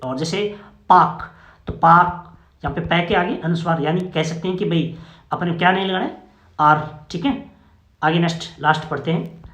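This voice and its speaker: A man with a high, light voice teaches a classroom phonetics lesson. He goes step by step and keeps checking that his listeners follow. The sound carries a noticeable echo from the room. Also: normal speed, long pauses, fairly bright tone, highs cut off. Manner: explains step by step with frequent "okay?" checks.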